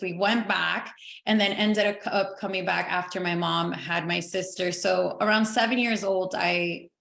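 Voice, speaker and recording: A woman's voice: mid-range voice, gravelly, a bit bright. Talkative woman in an echoey room. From Venezuela. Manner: talkative, upbeat, quick to laugh. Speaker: podcast guest. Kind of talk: casual interview chat.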